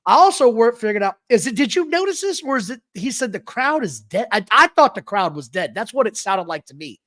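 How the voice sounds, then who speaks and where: A man co-hosting a podcast, talking in an animated, opinionated way in casual chat. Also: high voice, a little fast. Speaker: podcast co-host.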